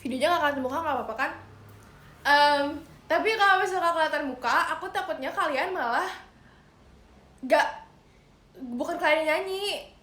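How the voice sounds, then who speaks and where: A woman's voice: sits high, moderate pace, long pauses, a bit bright. A young woman hosting a casual livestream, chatting playfully with viewers and giving singing tips. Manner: chatty, playful, addresses viewers as guys, sings short demo lines. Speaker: idol livestream host. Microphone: phone livestream. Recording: roomy echo, faint background noise.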